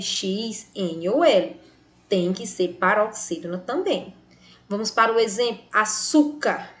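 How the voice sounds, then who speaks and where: A Brazilian woman teaching a recorded grammar lesson, speaking slowly and clearly and stretching the example words to stress them. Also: mid-range voice. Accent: Brazilian Portuguese.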